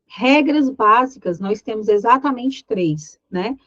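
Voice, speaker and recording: A woman's voice: fairly high pitch, lively intonation, slow, fairly bright tone, dry recording, highs cut off. A woman with a Brazilian Portuguese accent teaching an exam-prep grammar lesson, explaining step by step and often checking in with her students. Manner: voices imagined student questions.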